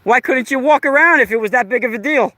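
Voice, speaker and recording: A man's voice: very high voice, fast, bright, forceful tone, dry recording. A man in his forties recording a vlog outdoors in a park, talking in a sarcastic, confrontational way and repeating himself. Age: 40s. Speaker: vlogger. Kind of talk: casual vlog, arguing with a stranger. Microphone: camera mic while filming.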